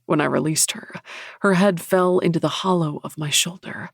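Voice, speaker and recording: A man narrating a romance audiobook in the first person, measured and intimate. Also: fairly high pitch, fairly even intonation, gravelly, dry recording, studio quality.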